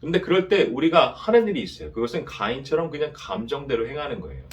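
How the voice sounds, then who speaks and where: A man's voice: mid-range voice, very animated, fast. A male pastor preaching to a young adults' service, asking rhetorical questions and having the congregation repeat after him.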